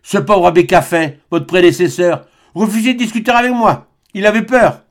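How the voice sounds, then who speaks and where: A man voicing a scornful old atheist of about eighty who talks roughly and mockingly. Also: high-pitched, steady tone, moderate pace, voice pushed up, lightly acted.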